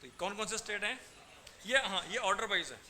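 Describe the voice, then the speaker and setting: A man's voice: high-pitched, lively intonation, a little fast. A man teaching a geography class, quizzing his students, repeating drills and calling them "beta". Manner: calls students "beta" and "bachche". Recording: loud background noise and clicks.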